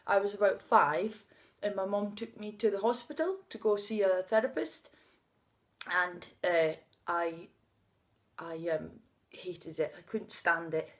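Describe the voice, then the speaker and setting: On a sunny day outside, a thirtysomething woman shares her feelings in an unscripted personal vlog, laughing at moments. A stutter makes her block on opening sounds, and her mid-range voice is steady and unhurried.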